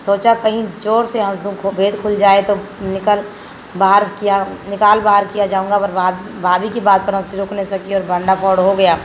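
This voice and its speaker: A woman teacher reading a textbook story aloud for a class, in a steady manner with frequent slips and self-corrections. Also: medium pitch, normal speed, a little hiss or hum, rough recording.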